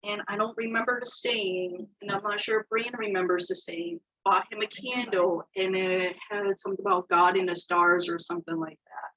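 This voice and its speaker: A woman's voice: medium pitch, normal speed, hardly any pauses, bright, forceful tone, no room sound, lo-fi sound. A woman giving an informal spoken eulogy at a memorial gathering, chatty, acting out quoted dialogue, laughing often. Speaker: family friend giving a remembrance.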